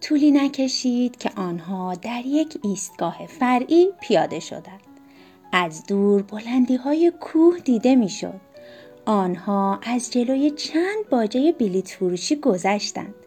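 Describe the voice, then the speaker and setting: A woman narrating a children's story in a gentle, expressive way. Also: fairly high pitch, faint music behind. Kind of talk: storybook reading.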